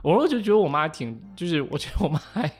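A man's voice: on the high side, fast, slightly rough. Man telling a childhood story. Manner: animated anecdotal storytelling with many restarts. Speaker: podcast co-host. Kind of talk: casual chat.

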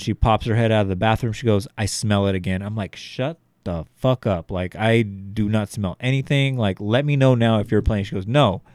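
A young adult man with a lowish voice tells a long, meandering story in a loose podcast chat, swearing freely and padding his sentences with fillers. The sound is dry and close-miked, with no room around it. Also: a little mellow, dry recording. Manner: rambling, profane, heavy fillers. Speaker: podcast co-host.

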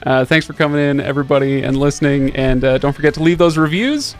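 A man in his thirties hosts a podcast, telling a rambling story in a casual, chatty way full of fillers and restarts. His voice is a little high and quick, with soft music in the background.

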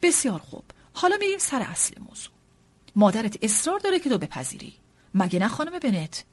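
A wry older father in an audiobook, read by a woman. He speaks in a measured, ironic way, never hurried. The voice has a lively lilt and a touch of huskiness. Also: a little high, husky. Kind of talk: audiobook character reading.

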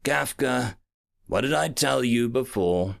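A man voicing a small female starship captain who speaks with a cool, almost robotic calm. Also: mid-range voice, slow pace, vocal fry, full character voice. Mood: stern.

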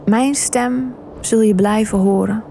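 A woman guiding a visualization meditation, speaking softly and soothingly and often slipping into a whisper. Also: mid-range voice, steady tone, slow, creaky, slight background noise. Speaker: meditation guide.

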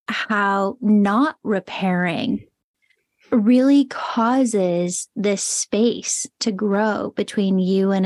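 A woman's voice: mid-range voice, dry recording, clean studio sound. A woman hosting a podcast interview, asking questions with eager enthusiasm. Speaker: podcast host.

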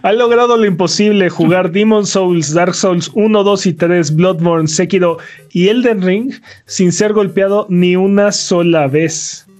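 A man, co-hosting a casual gaming podcast and reading out news items in a relaxed way. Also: sits high, unhurried. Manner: relaxed, says dude a lot.

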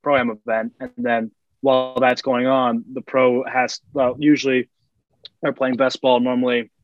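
A man's voice: mid-range voice, little pitch movement, unhurried, dry recording, dull audio. A man co-hosting a sports podcast, rambling through long explanations of golf rules in casual chat. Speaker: podcast co-host.

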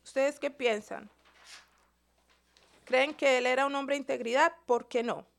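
Woman Bible teacher, sermon delivery, high voice with gravelly fry, quizzes the congregation. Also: steady tone, measured pace. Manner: asks the listeners questions.

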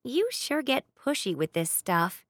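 Blunt young heroine, grumbling and snappish, a touch higher, voiced by a woman narrator, in a dry booth. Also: big pitch swings, unhurried, no echo.

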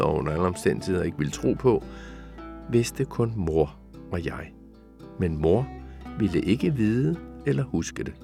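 Low male reader, steady literary reading, faint guitar under. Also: creaky.

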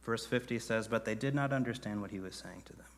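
A man preaching a sermon as pastor, earnest, building to emphatic peaks and then dropping quiet. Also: on the low side, fast talker, in a large hall.

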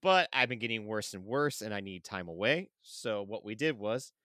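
A man's voice: on the low side, lively intonation, normal speed, sharp tone, no echo, clean studio sound. A man co-hosting a movie podcast in casual chat, candid and rambling, laughing easily. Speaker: podcast co-host.

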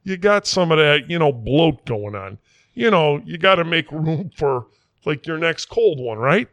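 Guy doing a rambling quack doc, folksy and sure of himself, fairly high voice. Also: expressive, unhurried, fairly bright tone, no room sound. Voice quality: folksy, rambling, self-assured. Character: folksy small-town Wisconsin "doctor", middle-aged man. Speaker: comic character in a mock interview.

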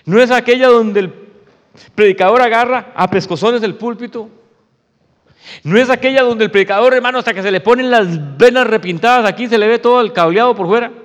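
A man's voice: very high-pitched, a little fast, big-room sound. A male pastor preaching a sermon in an emphatic, conversational way, often calling his listeners "brother".

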